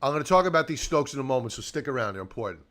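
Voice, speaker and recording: A man hosts a stock trading show, delivering live chart commentary as a technical analyst in an informal, emphatic style, repeating key points and answering his own questions. His medium-pitched, fairly bright voice races along with lively intonation.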